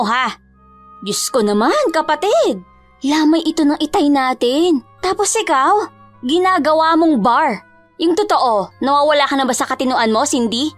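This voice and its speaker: An upright young woman scolds her careless twin with mounting exasperation, as a woman acts her out. Her voice is high and clear. Quiet music plays beneath the drama. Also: lively intonation, normal speed. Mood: exasperated.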